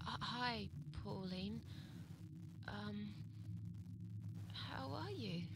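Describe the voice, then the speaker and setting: A quiet, reluctant middle-aged woman. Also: medium pitch, lively intonation, drawn-out words, heavy background noise. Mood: awkward mumble. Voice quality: quiet, mumbling. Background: game music.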